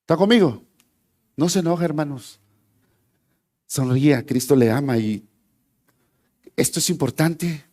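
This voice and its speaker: Male preacher with a high voice. Animated and questioning, with loud peaks. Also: unhurried, pauses often. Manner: lively, rising to near-shouts on key points, then dropping low; questions the congregation often. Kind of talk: sermon.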